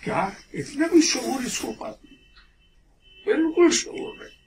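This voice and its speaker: A man's voice: extremely high pitch, expressive, unhurried, a little mellow, husky. A man speaking as a religious elder in a sermon-style address, with an aggrieved, indignant manner full of rhetorical questions.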